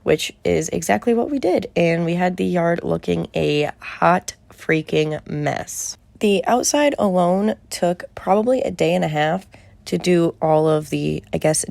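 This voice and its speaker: A woman's voice: lowish voice, vocal fry, a little mellow, dry recording. A woman in her early twenties narrating a casual vlog voiceover in a conversational, wry way, close to the mic. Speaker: vlogger.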